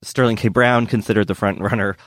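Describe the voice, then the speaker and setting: A man co-hosting a casual podcast chat about awards, speaking in a measured way and often restarting phrases. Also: fairly low pitch, fairly even intonation, no room sound, studio quality. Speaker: podcast co-host.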